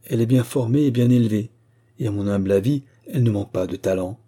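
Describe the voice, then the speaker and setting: A man reading an audiobook, voicing a scheming middle-aged mother who is the vicar's wife, eager and coaxing, with a dark, husky voice. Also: fairly low pitch, quick pace, lightly acted.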